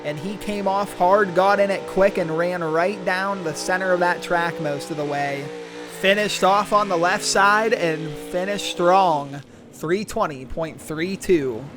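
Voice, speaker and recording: A man commentating as a tractor pull announcer, introducing drivers and calling out runs and distances. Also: high voice. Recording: loud engine and vehicle noise. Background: vehicle and engine noise.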